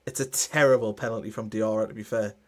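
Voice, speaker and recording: A man's voice: fairly low pitch, fairly even intonation, fast. A man hosting a football watchalong, chatting casually about the match, teasing and cheering.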